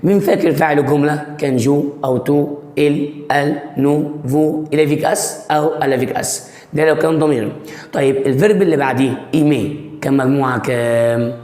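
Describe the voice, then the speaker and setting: A man's voice: on the high side, steady tone, a little mellow. Echoey Egyptian man teaching step by step. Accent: Egyptian Arabic. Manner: explains step by step, quizzing the listener and answering himself; reads example sentences out slowly. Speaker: French teacher. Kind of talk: language lesson. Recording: echoey room with a long reverb.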